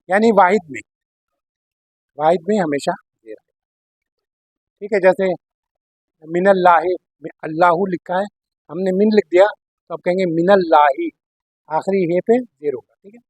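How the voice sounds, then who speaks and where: A man teaches Arabic grammar, walking through each word patiently and often pausing to check that his students understand. His voice sits fairly high and has a husky edge. The sound is dry and close, with no room echo. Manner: explains step by step, checks understanding with "theek hai na". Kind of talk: classroom lesson explaining Arabic in Urdu.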